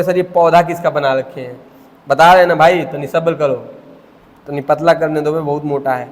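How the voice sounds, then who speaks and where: A young man teaching a biology lecture, chatty and joking, calling his students "beta". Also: fairly high pitch. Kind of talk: classroom lecture. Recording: reverberant classroom.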